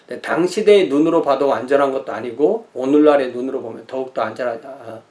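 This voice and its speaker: Man lecturing slowly with many fillers. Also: medium pitch, darkish tone. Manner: thinking aloud with many fillers and self-corrections. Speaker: pastor teaching church history. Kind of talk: lecture on Reformation history.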